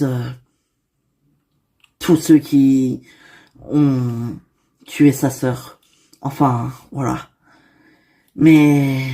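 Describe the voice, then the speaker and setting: A woman's voice: rumbling low, mellow. A woman voicing a young man who hesitantly confesses his love, in a toy-figure soap drama. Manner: hesitant, full of fillers.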